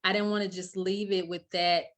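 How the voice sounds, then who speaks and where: A middle-aged woman, an author answering interview questions in an earnest, warm way, often laughing lightly. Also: medium pitch, little pitch movement, normal speed. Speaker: children's book author.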